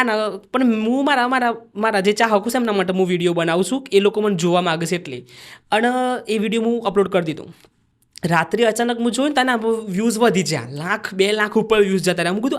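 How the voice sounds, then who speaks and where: Fast-talking young man with a rural Gujarati dialect. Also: high voice. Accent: Sabarkantha Gujarati dialect. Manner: chatty, acts out quoted lines of himself and others. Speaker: guest, vlogger and dancer. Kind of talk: podcast interview storytelling.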